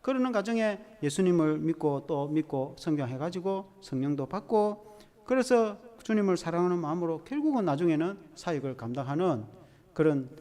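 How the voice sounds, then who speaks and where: Male pastor, animated sermon storyteller, lively delivery in a reverberant church sanctuary. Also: on the high side, moderate pace. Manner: animated storytelling, acting out quotes. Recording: long church hall reverb.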